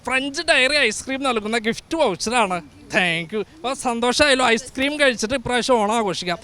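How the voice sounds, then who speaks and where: A man's voice: very high-pitched, lively intonation, normal speed, sharp tone, full character voice. A man playing a festive, teasing King Mahabali who hosts a comic outdoor street show with quizzes and giveaways. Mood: cheerful. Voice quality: playful, with teasing exclamations. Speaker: host.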